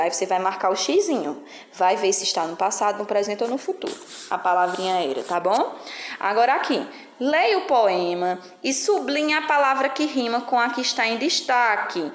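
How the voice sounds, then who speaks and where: A woman's voice: fairly high pitch, roomy sound. A woman with a Brazilian Portuguese accent, teaching a children's lesson patiently and checking in with the listener often. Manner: patient, explaining slowly with frequent "né?" and "certo?" checks. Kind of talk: recorded classroom lesson.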